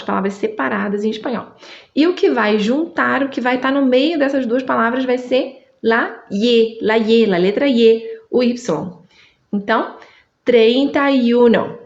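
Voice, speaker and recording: A Brazilian woman whose first language is Portuguese, teaching Spanish in an online lesson, drawing out each word slowly and checking in with her listener. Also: a little high, a little mellow, echoey room, muffled recording. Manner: slow, drawn-out drilling of words, checks in with the listener.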